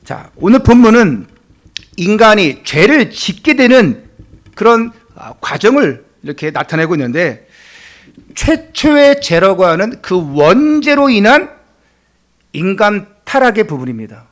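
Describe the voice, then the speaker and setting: Male pastor, Sunday sermon, high lively voice, earnest rhetorical questions. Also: a little slow.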